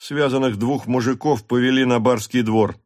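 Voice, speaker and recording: A man narrating a literary audiobook in a steady, measured way. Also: medium pitch.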